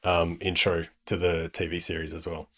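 A man's voice: deep voice, little pitch movement, normal speed, a bit bright. A man co-hosting a podcast, telling rambling self-deprecating stories in casual chat. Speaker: podcast co-host.

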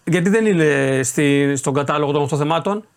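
A man, a sports reporter on a casual radio talk show, explaining at length with restarts and hesitations. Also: fairly high pitch.

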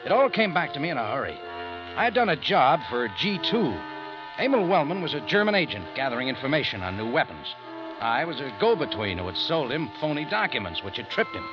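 A man's voice: a little high, very animated, brisk. An actor playing a tough, hard-boiled adventurer who narrates his own story in an old radio drama, with a clipped, wry delivery. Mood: hard-boiled narration. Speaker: narrator and lead. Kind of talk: 1950s radio drama acting. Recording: dull old radio broadcast with music.

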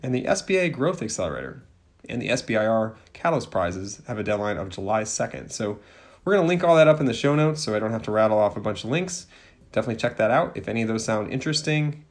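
A man's voice: lowish voice, animated, fast. A man hosting a podcast, reading announcements and sponsor messages in an upbeat, promotional way. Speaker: podcast host.

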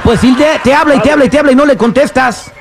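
A man with a Mexican accent hosting a morning radio show, running a prank call in a brisk, mock-official, teasing way. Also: extremely high pitch, music in the background. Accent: Mexican Spanish. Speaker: radio host.

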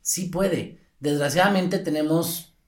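A Mexican woman with a fairly low voice hosting a casual podcast. She is blunt and jokey, with plenty of crude slang. Her voice carries a clear room echo. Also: a little mellow. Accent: Mexican Spanish. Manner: blunt, jokey, drags words out slowly. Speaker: podcast co-host.

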